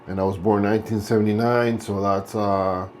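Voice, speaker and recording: A vlogger in his late forties chats while shaving, his fairly low, slightly mellow voice flat and moderately paced. He's laid-back, rambling and correcting himself as he goes, with a little hiss or hum in the audio.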